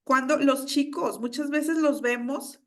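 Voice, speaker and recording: A woman with a high voice speaks as a teacher on a discussion panel. She explains things at length and keeps checking in with short questions to her listeners. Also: measured pace, a bit bright. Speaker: teacher and doctoral student.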